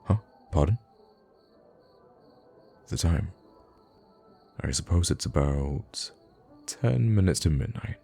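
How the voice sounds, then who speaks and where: In an intimate ASMR roleplay, a voice actor with an extremely low, slightly gravelly voice plays a kind young prince. He uses courtly, formal phrasing with hesitant pauses, sounding noble, gently witty, polite and pensive in a full character voice. Faint music plays behind him.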